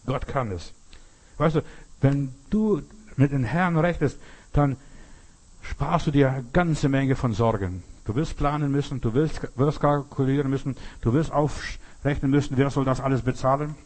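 An older man preaching a sermon, speaking emphatically with dramatic pauses, repeating phrases and addressing the listener directly. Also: medium pitch, darkish tone.

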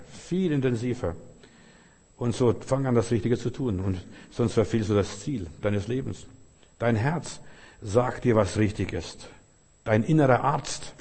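A man's voice: mid-range voice, darkish tone, breathy edge. An older man preaching a sermon as a pastor, emphatic and repetitive, speaking straight to each listener. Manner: emphatic, repeats key phrases, addresses listener directly. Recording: long hall reverb.

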